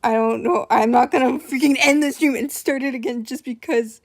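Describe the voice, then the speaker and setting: A woman's voice: high voice, steady tone, moderate pace. A young woman streaming live, chatting casually, nervous and apologetic, rambling with lots of fillers.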